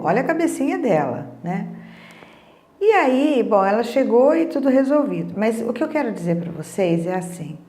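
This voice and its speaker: A woman's voice: a little high, mellow, echoey room. A middle-aged Brazilian woman giving a casual talk on emotions, chatty, often asking "né?" and retelling conversations. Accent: Brazilian Portuguese. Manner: conversational, frequent tag questions, retells dialogue. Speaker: emotional wellness speaker. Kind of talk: casual teaching monologue.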